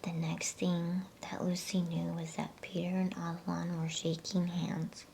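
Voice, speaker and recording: A woman reading a bedtime story in a breathy, soothing ASMR whisper. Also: on the low side, flat delivery, slight background noise. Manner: hushed, unhurried, soothing delivery. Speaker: storybook reader.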